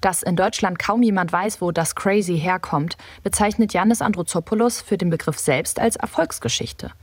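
A woman reporter reading a scripted radio feature in a measured, explanatory way. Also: fairly low pitch, dry recording.

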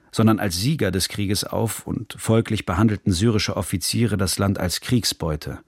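A man reading a scripted radio documentary narration in a measured, serious manner, recorded in a studio. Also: on the low side, no echo.

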